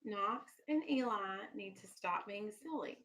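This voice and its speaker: With a mid-range, fairly bright voice, a woman teacher reads to young children in an expressive, unhurried way. She is instructive, breaks ideas down simply, asks questions to confirm understanding and is firm about keeping the children on task.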